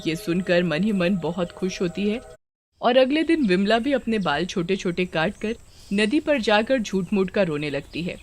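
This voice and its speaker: A woman narrating a cartoon folk tale in a steady storytelling manner. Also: mid-range voice, normal speed, soft background music.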